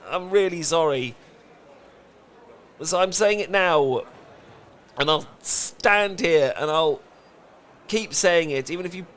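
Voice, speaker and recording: In a romantic comedy audio roleplay, a British man plays the flustered best friend who's fallen in love, stammering and rambling through an earnest confession. His voice is high-pitched and a little bright.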